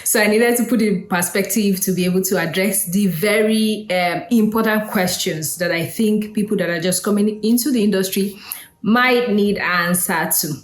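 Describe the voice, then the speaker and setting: A Nigerian woman hosts a casual solo talk, speaking conversationally with fillers and asides. Her mid-range voice moves at normal speed and sounds roomy.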